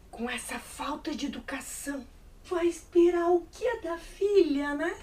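A woman playing a nosy, gossiping neighbor who hushes her daughter and relishes the drama. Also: sits high, expressive, unhurried, recorded from a distance. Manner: hushing, gleeful gossip.

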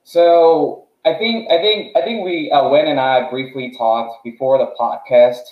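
On a relaxed podcast, a young man from South Korea recounts how he founded his startup. He keeps stopping to restart sentences and leans on fillers, so his delivery is halting. The mid-range voice comes through reverberant and lo-fi.

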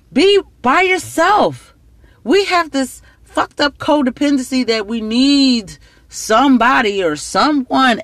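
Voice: mid-range voice, fairly bright tone, no room sound. Slightly tipsy podcast host, blunt and profane, rambling advice, dry close mic. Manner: blunt, heavy swearing, rambling. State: slightly tipsy, slurring words. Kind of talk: casual advice monologue.

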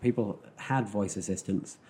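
A man's voice: lowish voice, moderate pace, dark tone. A man chatting casually as a panellist on a podcast. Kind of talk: casual discussion.

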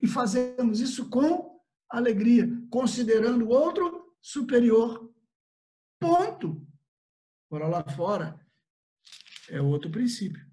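Brazilian church elder, older man, lively sermon delivery, acts out quotes, video-call audio. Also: extremely high pitch, takes it slowly, long pauses. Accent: Brazilian Portuguese. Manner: animated, acts out little quoted exchanges. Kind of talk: Bible study sermon.

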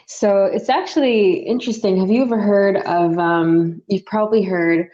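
A woman's voice: mid-range voice, moderate pace, warm tone. A woman hosting an interview, chatty and friendly, with many fillers. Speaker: interview host. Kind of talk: casual interview conversation. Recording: dull lo-fi recording.

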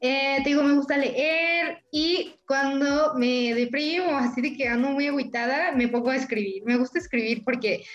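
A young woman with a Mexican accent chatting casually, animated and acting out her own thoughts as she talks. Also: high voice, normal speed, few pauses, roomy sound, lo-fi sound. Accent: Mexican Spanish. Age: young adult. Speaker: interviewee. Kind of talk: casual chat.

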